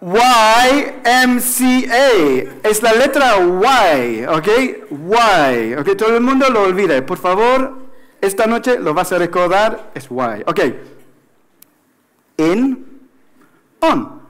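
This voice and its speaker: Playful man, high lively voice, unhurried. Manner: playful, exaggerated pronunciation demos. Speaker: speaker at a live talk event. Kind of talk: short humorous stage talk, teaching pronunciation. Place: stage at a live event.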